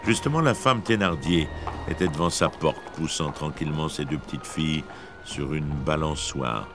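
A man giving measured, expressive scripted narration of a classic story. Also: very deep voice, music in the background.

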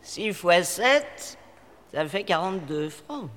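A scheming innkeeper's wife, high voice, falsely friendly, hall reverb, faint noise. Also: male voice, sing-song, slow, a bit bright, exaggerated voice. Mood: calculating. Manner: falsely friendly, then haggling. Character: scheming female innkeeper, sweet-talking and greedy. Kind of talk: audio drama acting.

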